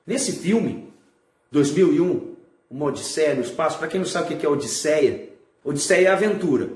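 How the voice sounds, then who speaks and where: A man, an art teacher giving a recorded video lesson to schoolchildren, animated and full of rhetorical questions. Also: on the high side, moderate pace, reverberant. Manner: animated, asks rhetorical questions and acts out examples.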